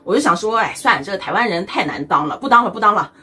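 A woman's voice: medium pitch, lively intonation, rapid-fire, bright, forceful tone, breathy edge. A woman from China, doing a chatty, teasing comedic monologue as a vlogger and laughing often. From mainland China.

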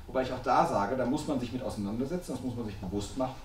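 A man in his forties with a Cologne accent talks to a small audience in an animated, emphatic, explanatory way. His voice sits at a medium pitch and is picked up from a distance, so the small room sounds roomy, with faint background noise. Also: very fast. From Germany. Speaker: guest speaker, journalism researcher. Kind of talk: discussion talk before a small audience. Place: small salon room, indoors.

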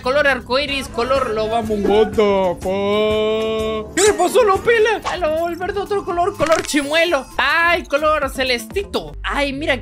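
A woman doing excited reaction commentary, full of gasps and exclamations. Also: high-pitched. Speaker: reaction video host. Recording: background music under the voice.

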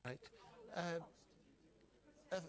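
Slow, hesitant man chairing a council meeting. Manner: hesitant, halting, repeats words. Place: council chamber. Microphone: desk microphone.

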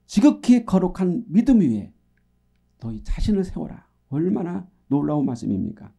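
A middle-aged man preaching earnestly as a pastor, moving between emphatic calls and quiet asides. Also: high-pitched, creaky. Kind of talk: sermon.

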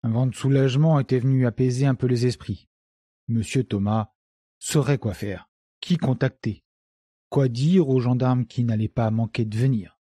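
Male audiobook narrator, measured and even, warm low timbre. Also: no room sound, clean studio sound. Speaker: audiobook reader. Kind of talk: scripted first-person narration.

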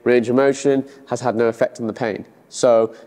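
A young man coaches someone through movements in casual, instructive speech. His voice is mellow and mid-pitched, carrying long reverb from a big gym. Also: fairly even intonation, moderate pace. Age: young adult. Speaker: rehab therapist, coach. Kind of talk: hands-on instruction with casual chat. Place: large hard-floored gym, indoors. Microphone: clip-on lapel mic. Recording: reverberant hall-like room.

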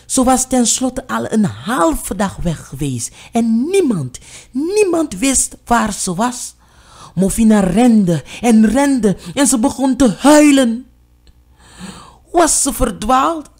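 A storyteller reading a storybook aloud with drama, dropping low and soft at tense moments. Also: sing-song, takes it slowly.

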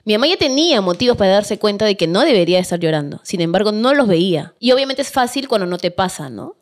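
A woman's voice: mid-range voice, sing-song, quick pace. A woman with a Peruvian accent talks candidly as a podcast guest. Her voice sits in an ordinary middle register, and she leans hard on the points she cares about. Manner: emphatic, candid storytelling. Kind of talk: casual podcast interview.

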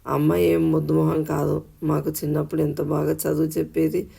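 A man voicing a bold young student confronting his parents in an audio story, read in a flat, gravelly storyteller voice. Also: on the high side, normal speed, full character voice. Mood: challenging.

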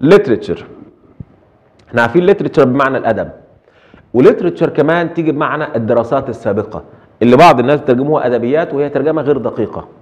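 A middle-aged Egyptian man lectures at a quick clip, his voice sitting at an ordinary pitch. He keeps posing rhetorical questions to the class and slips English terms in between his Arabic explanations. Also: lively intonation. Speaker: university translation lecturer. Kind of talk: recorded lecture.

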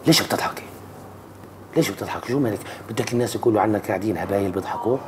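A man's voice: on the low side, racing, a little hiss or hum, close to an everyday voice. A man playing a bossy, jealous husband who scolds his wife nonstop in a comedy sketch. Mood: scolding. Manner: nagging, scolding, quarrelsome.

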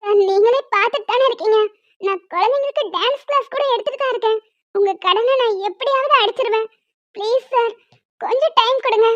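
A young woman dance teacher from a cartoon, acted by a woman, earnest and defiant. Her voice sits very high. The recording is dull and lo-fi. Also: fairly quick. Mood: pleading. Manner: pleading, earnest. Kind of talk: cartoon voice dubbing.

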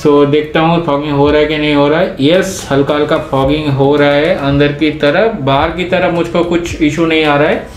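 A man with a high voice speaks through a cloth face mask, which muffles his speech. He addresses the viewers directly and explains things step by step, like a product reviewer. The room has a strong echo and soft music plays underneath. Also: fairly even intonation, moderate pace, hardly any pauses. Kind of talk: casual product review vlog.

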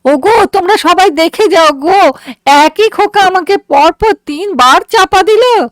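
A woman voicing an old village grandmother who wails in lament, shrill and loud. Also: measured pace, no room sound. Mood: wailing.

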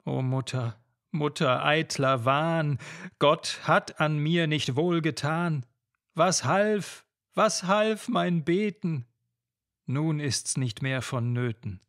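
A man's voice: on the high side, takes it slowly, fairly bright tone, dry recording, studio quality. A man voicing a despairing young woman, a grieving bride crying out against God in a classic ballad reading.

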